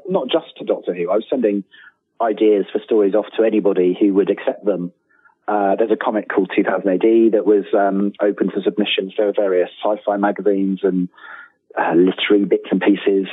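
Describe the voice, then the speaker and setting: Heard over a thin phone-like connection, this middle-aged interview guest has a fairly low, slightly rough voice on a dry recording. He talks casually and at length, poking fun at himself with evident enthusiasm.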